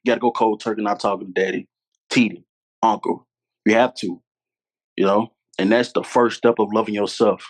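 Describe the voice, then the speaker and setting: Candid and earnest, a podcast guest tells conversational stories, repeating his points to stress them. He's a man in his 20s from Louisiana, US, with a lowish voice, a steady tone, and a moderate pace.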